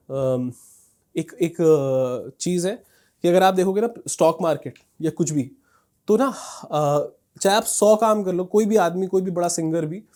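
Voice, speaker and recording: A man with a slightly higher-than-average voice walks viewers through a tutorial on screen. He keeps it conversational, checking in often and pausing on fillers as he clicks through. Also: darkish tone. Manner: conversational, repeats "thik hai" and "dekhiye", frequent fillers. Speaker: instructor teaching Instagram growth. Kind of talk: casual screen-share tutorial.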